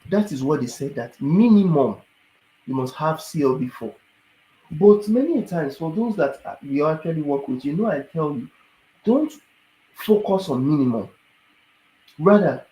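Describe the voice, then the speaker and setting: A man, a tired immigration advisor talking casually to viewers and often asking whether they understand. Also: on the high side. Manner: animated, asks rhetorical questions, repeats "do you understand". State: tired, yawning. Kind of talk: casual explainer talk to viewers. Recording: echoey room.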